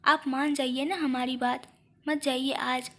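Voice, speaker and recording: A woman voicing a devoted young wife who pleads softly and addresses her husband formally. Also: sits high, little pitch movement, a little slow. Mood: pleading.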